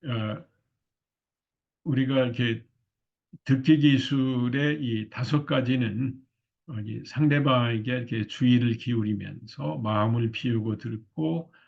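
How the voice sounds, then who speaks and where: A man's voice: mid-range voice, measured pace, vocal fry, a little mellow, highs cut off. A man lecturing on marriage communication skills, talking in a loose way full of fillers. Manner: loose, filler-heavy lecturing with frequent "이렇게" and "어".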